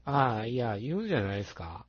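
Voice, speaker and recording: A man with a Kansai accent talking casually about a film as a podcast co-host, animated when telling a story. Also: medium pitch, quick pace, slightly rough, dry recording, dull audio. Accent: Kansai Japanese.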